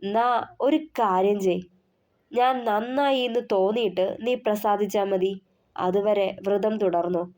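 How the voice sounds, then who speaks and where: A woman reading a story gives voice to a stern young husband, gruff but caring, whose scolding turns into pleading over the course of an audio novel. Her tone is warm and mellow, mid-range and steady, unhurried and only lightly acted.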